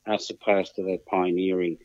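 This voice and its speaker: An Australian man speaking as a phone-in guest, measured and formal, with halting, deliberate phrasing. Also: low-pitched, little pitch movement, a little mellow, no echo. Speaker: phone-in guest on a football show. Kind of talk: measured discussion. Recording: muffled lo-fi phone line, very dry.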